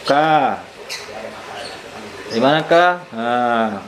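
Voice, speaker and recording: A man's voice: medium pitch, drawn-out words, low-quality recording. A man teaching a young child, patient and coaxing, asking many questions. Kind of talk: one-on-one lesson with a young child.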